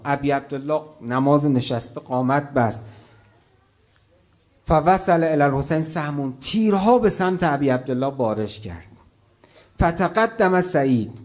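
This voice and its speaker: A man delivering a fervent religious sermon in a voice pitched a little above the usual male range. He shifts between loud, soaring exclamations and low, near-whispered passages, speaking straight to his listeners as brothers and sisters. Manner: addresses the audience directly as brothers and sisters. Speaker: preacher. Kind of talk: religious sermon with recitation of a martyrdom story.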